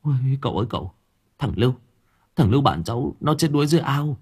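A man voicing a frightened young village man who stammers and speaks with agitation, in a husky voice. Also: medium pitch, very animated, fast talker, a little mellow, pitched above the performer's own voice. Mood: panicked.

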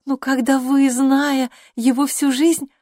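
A woman voicing an excitable, naive young woman who speaks in a high, gushing rush. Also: slow pace, dry recording, studio quality. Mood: fervent.

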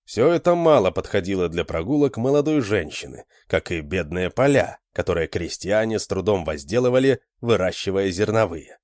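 Male narrator, audiobook reading, low voice, dry close sound. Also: moderate pace, few pauses, no echo. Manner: lively expressive storytelling.

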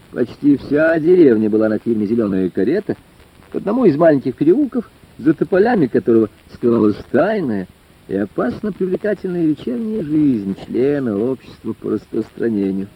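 A man narrating a story in an expressive, ironic storytelling manner, on a dull lo-fi recording. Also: mid-range voice, slightly rough. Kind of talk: audiobook narration.

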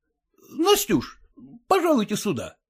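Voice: medium pitch, huge pitch swings, unhurried, slightly rough, exaggerated voice. A reader voicing a newly married husband who coaxes and nags his wife in folksy, old-fashioned speech. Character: newly married merchant husband, pushy and coarse.

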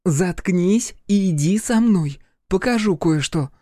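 A man voicing a fierce, scornful young girl in an audiobook, mocking and shouting at a boy. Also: sits high, lively intonation, slow pace, no echo, clean studio sound, pitched above the performer's own voice. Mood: taunting. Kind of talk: audiobook character voice.

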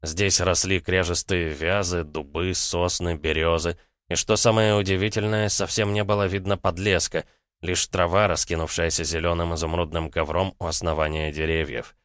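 A man narrating an audiobook in a steady, expressive storytelling manner. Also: sits low, moderate pace, no echo, studio quality. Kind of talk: scripted narration.

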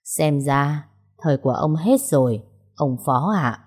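A scheming older male police chief in an audio story, laying down orders with quiet satisfaction. His voice sits low and husky. A woman narrator plays him. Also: lively intonation, a little slow, exaggerated voice. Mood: smug command. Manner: commanding, self-satisfied.

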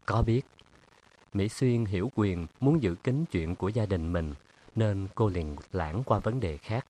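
A male narrator reading a novel aloud. His voice sits on the low side, and he keeps the telling steady and even. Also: a little slow, slight background noise. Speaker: audiobook narrator. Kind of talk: scripted narration.

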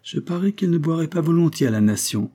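A man's voice: on the high side, lively intonation, fast talker, mellow, voice pushed up. A man doing a sneering crude dinner guest. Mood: mocking.

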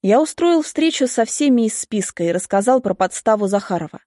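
A woman reading a first-person story aloud in a steady, emotive way. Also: on the high side, fairly quick, no room sound, clean studio sound. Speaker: audiobook reader. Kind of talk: scripted first-person narration.

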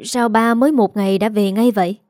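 Woman reading young grandson, urgent, worried, warm tone, dry. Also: mid-range voice, steady tone, brisk, no room sound, natural voice. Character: young adult grandson, worried but quick to act.

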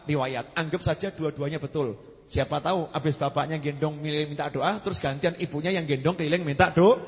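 A man with a Javanese accent preaching a sermon to a gathering, lively and joking as he talks. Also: on the high side, big-room sound. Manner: animated, jokes and mixes in Javanese phrases.

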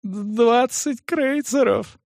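Sobbing crippled young man, high whining voice, pleading, dry close sound. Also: extremely slow, creaky, a little mellow, no echo, full character voice. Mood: terrified.

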